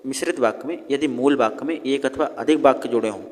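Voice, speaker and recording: A man's voice: medium pitch, quick pace. Man teaching an exam lesson, reverberant room. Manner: explains by asking and answering his own questions.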